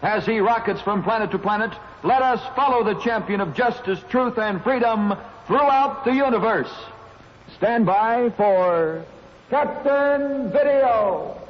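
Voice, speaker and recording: Man announcing on a 1950s TV broadcast. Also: sits high. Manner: dramatic, drawn-out announcer delivery. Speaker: show announcer. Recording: lo-fi echoey 1950s TV broadcast audio.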